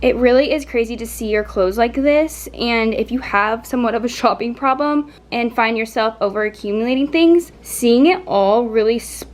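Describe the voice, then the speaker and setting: A woman's voice: a little high, moderate pace, hardly any pauses. Chatty young woman vlogging her closet clean-out. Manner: chatty, self-deprecating, talks to herself while working. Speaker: lifestyle vlogger. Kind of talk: casual vlog voice-over and talk while cleaning. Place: apartment closet.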